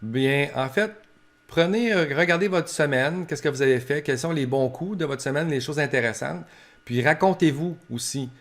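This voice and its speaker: His voice is on the high side and his pace moderate as this Québécois-accented professor explains practical matters to family caregivers. The informal talk is colloquial, illustrated with short acted-out examples.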